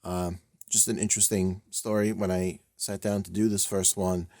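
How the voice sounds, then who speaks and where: Low, mellow-voiced man chatting about models. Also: little pitch movement, moderate pace, dry recording, clean studio sound. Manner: rambling, self-deprecating, many fillers and chuckles; slightly stiff, robotic delivery. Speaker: scale model builder and channel host. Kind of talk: casual build video narration.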